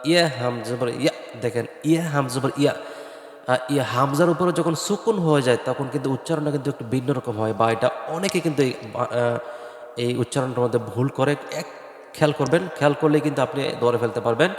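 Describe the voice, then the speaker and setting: A man teaching Quran recitation, spelling words out letter by letter and then chanting them slowly. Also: medium pitch. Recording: echoey room with long reverb, faint music.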